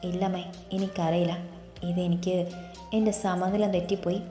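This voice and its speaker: A woman's voice: on the low side, level tone, moderate pace, warm tone, lightly acted. A woman voicing an anxious, tearful young woman expecting a baby, pleading and sobbing in a storybook reading with faint music in an echoey room. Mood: crying. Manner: pleading, sobbing as she speaks.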